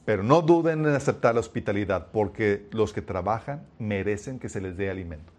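A man's voice: fairly low pitch, brisk. A young man preaching a sermon, telling stories and calling his listeners "chicos". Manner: addresses listeners as "chicos", lively storytelling.

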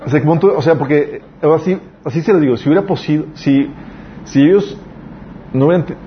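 A man's voice: fairly high pitch, a little fast, a little hiss or hum. A man preaching a sermon in an earnest, conversational way, telling personal stories. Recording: dull lo-fi recording.

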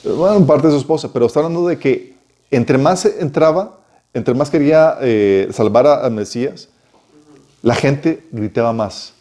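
A man teaching a conversational Bible study to a small group, animated and full of rhetorical questions, often checking in with a quick "sí". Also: mid-range voice.

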